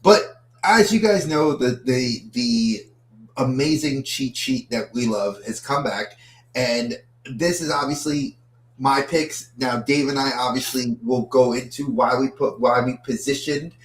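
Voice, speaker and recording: A podcast co-host chats casually about movies, often repeating words as he begins a thought. His voice is medium-pitched and measured in pace, with a roomy echo on the recording.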